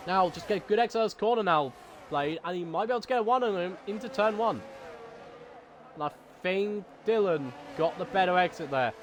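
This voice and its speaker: A man commentating a sim racing league race, excitable at big moments and later deliberately subdued. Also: high-pitched, a little hiss or hum.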